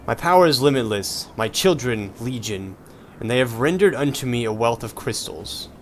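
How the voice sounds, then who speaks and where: A man's voice: mid-range voice, lively intonation, a little hiss or hum, natural voice. Man putting on a haughty, wrathful video game goddess. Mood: grandiose. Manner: grandiose, slow, menacing. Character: haughty, wrathful goddess villain threatening mortals. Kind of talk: reading game dialogue aloud dramatically. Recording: game music behind.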